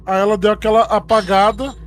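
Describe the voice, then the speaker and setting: Brazilian guy, kinda high voice, telling a scary story to his buddies, doing the quotes himself. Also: fairly quick. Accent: Brazilian Portuguese. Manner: animated retelling, acts out quoted lines. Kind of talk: casual storytelling among friends.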